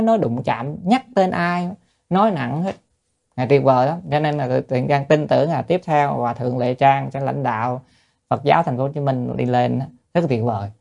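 Gravelly monastic teacher. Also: mid-range voice, a little mellow. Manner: earnest, conversational, often asks listeners to confirm. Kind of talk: dharma talk to lay followers.

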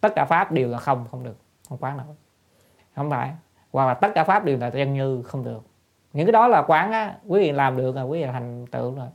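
Creaky-voiced woman giving a dharma talk. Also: extremely low pitch, lively intonation, fairly quick. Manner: asks the listeners rhetorical questions and answers them; repeats short phrases for emphasis. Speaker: Buddhist dharma teacher.

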